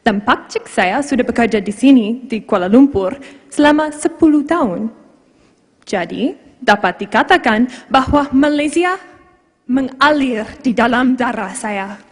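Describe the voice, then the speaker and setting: A young woman, a native English speaker with an Australian accent, gives a formal prepared speech in Indonesian as a foreigner, with deliberate, emphatic phrasing. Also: on the high side, animated, husky. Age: young adult. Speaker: contestant in a public speaking competition. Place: large hall, speaking to an audience. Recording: long hall reverb.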